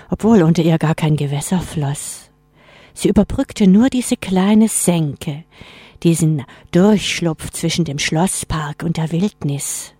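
A woman narrating a scripted horror story in a measured, suspenseful way. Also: low voice, mellow, slightly rough, no room sound.

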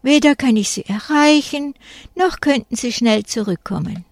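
A woman's voice: a little high, lively intonation, normal speed, no room sound, pitched above the performer's own voice. A woman reading a children's story aloud, voicing a stubborn, indignant schoolgirl in a dry, close voice. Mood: defiant. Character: defiant schoolgirl with a big dog.

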